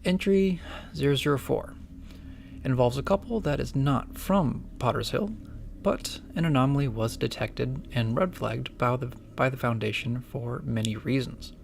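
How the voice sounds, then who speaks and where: Man acting as nervous, creaky-voiced young apprentice. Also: mid-range voice, normal speed, a little hiss or hum, close to an everyday voice. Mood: hesitant, reporting. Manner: hesitant, stammering, apologetic. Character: nervous, deferential young male apprentice investigator. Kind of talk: audio drama acting.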